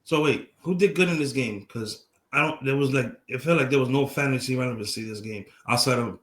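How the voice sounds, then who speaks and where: A man's voice: mid-range voice, a little fast. A man with a Brooklyn accent co-hosting a casual fantasy football chat, blunt, sarcastic and profane. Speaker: podcast co-host.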